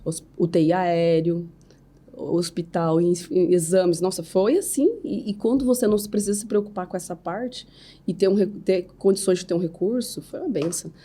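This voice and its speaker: Earnest Brazilian woman with a mellow voice. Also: fairly low pitch, normal speed. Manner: earnest, faith-filled storytelling with frequent "né?" tags. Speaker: podcast guest. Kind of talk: emotional personal testimony.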